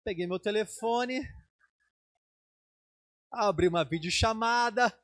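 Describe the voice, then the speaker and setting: In a sermon, a middle-aged bishop from Brazil shares a personal testimony in Brazilian Portuguese, animatedly acting out the dialogue at a raised pitch. He takes it slowly. The recording has studio quality with no echo.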